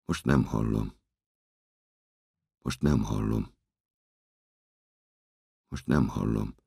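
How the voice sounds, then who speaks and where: An actor performing an audiobook monologue as a desperate, obsessive man in a security booth, speaking in terse fragments that break into shouting. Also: rumbling low, no echo, clean studio sound.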